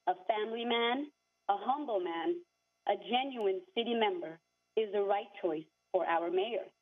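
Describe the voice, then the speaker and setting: A woman's voice: mid-range voice, moderate pace. Woman caller on a tinny phone line. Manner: formal, earnest. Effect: calling in over a phone line. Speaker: public comment caller. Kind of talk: reading a prepared public comment.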